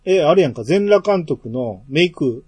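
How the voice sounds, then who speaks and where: A man with a Kansai accent chats on a podcast and teases his co-host. His voice is husky and a little high, with lively swings in pitch. It is recorded close and dry, with no room sound. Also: moderate pace, no room sound. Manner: teasing, laughs often, reads listener messages. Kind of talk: casual chat.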